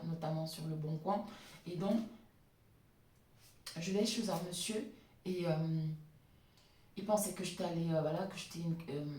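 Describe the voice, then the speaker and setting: A woman's voice: on the low side, a little mellow. A woman with a slight lisp telling her own story in a vlog monologue, hesitant and often repeating words as she explains. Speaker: vlogger, cleaning business entrepreneur. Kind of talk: personal storytelling monologue to camera. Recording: echoey room, distant microphone.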